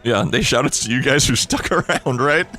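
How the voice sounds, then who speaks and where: A man co-hosting a let's play, teasing his friend with sarcastic jokes and quick giggles. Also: mid-range voice, bright, forceful tone, soft background music. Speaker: co-host of a gaming let's play. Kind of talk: casual let's play banter.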